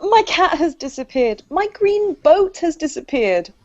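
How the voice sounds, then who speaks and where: A woman's voice: sits high, very animated, unhurried, darkish tone. A woman reading an anxious wife who insists on reporting her missing cat, for a children's play. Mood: flustered. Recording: dull lo-fi video call audio.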